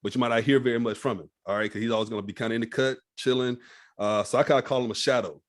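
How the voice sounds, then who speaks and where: A man's voice: medium pitch, steady tone, rapid-fire. A man hosting a podcast interview, laid-back and casual, often tagging "all right?" and swearing freely. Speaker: podcast host.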